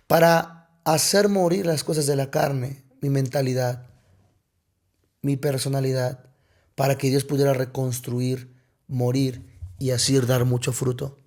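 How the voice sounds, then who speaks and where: A man's voice: fairly high pitch, vocal fry, a little mellow. A young adult man from Mexico, a pastor telling a personal testimony on a podcast, emotional and repeating words for weight.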